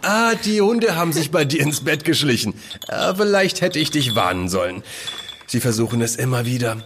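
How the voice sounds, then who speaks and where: A man's voice: fairly high pitch, big pitch swings, moderate pace, noisy background. An actor playing a friendly, hospitable plantation owner in an audio play, who welcomes his guests and explains things patiently. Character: friendly adult male orange plantation owner.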